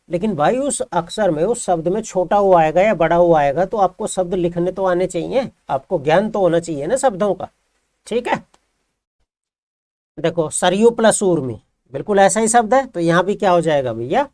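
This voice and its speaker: A Hindi teacher with a high-pitched, dark-toned voice gives a grammar lesson, explaining patiently and repeatedly posing questions to his students before answering them himself. The recording has no room sound.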